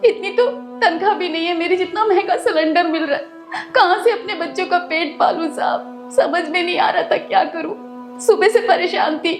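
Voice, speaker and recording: A very high-voiced, sharp-tongued house maid, played by a woman in a short drama skit. She bickers and defends herself quickly. Music plays under the scene. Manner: snappy and quarrelsome, then pleading. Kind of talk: Hindi web-skit acting.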